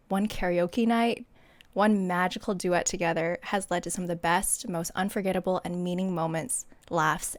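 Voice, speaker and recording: A woman's voice: fairly low pitch, no room sound. A young woman from Hawaii co-hosting a casual podcast over a video call, giggly and playful. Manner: giggly and playful, bursts into loud whoops. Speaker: podcast co-host. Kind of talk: casual chat.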